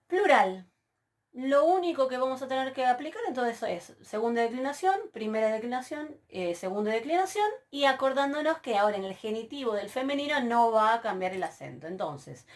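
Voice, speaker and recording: Female lecturer, patient and methodical, slow stressed recitation of forms. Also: on the high side. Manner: patient, checks in with frequent "¿sí?"; spells out forms slowly with stressed syllables. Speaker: Greek teacher. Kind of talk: recorded university lecture.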